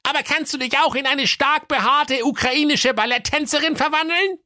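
A man voicing a cheeky, smug talking dog who flatters and taunts in a comic fairy-tale reading. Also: normal speed, no room sound, studio quality, full character voice. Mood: cheeky taunting. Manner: high squeaky falsetto, taunting and wheedling.

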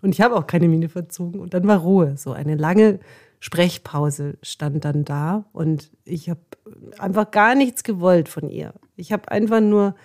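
A woman's voice: lowish voice, a little mellow. A woman coach telling a story in a chatty podcast monologue, with fillers and laughter.

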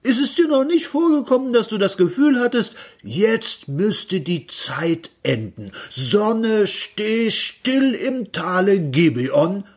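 Guy doing a plump crackpot inventor, high and husky, proclaiming everything like a prophecy. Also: big pitch swings, takes it slowly, hardly any pauses, exaggerated voice. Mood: fervent. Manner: fervent, lofty proclaiming. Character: plump eccentric male inventor, smug and excitable.

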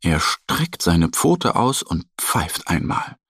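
Slow, gravelly storytelling man. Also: sits low, dry recording, studio quality. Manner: slow, gentle, expressive. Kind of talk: children's story narration.

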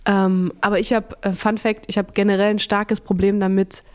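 A woman's voice: medium pitch, level tone, normal speed, a little mellow, clean tone. Chatty woman presenter talking frankly. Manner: chatty, frank, lots of fillers and slang. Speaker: radio and TV presenter, podcast guest. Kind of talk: casual interview chat.

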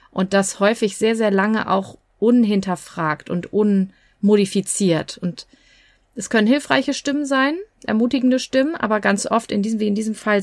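Female coach, podcast monologue, chatty and explanatory, mid pitch, dry room. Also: dry recording. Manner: conversational, explanatory, many fillers like "ja" and "äh". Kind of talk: podcast monologue giving advice.

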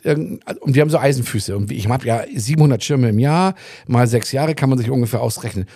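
A man co-hosting a casual podcast, telling an anecdote in an animated way, swearing freely and acting out the dialogue. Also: mid-range voice, no echo, clean studio sound. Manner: acts out dialogue in his anecdotes. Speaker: podcast co-host. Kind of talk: casual chat.

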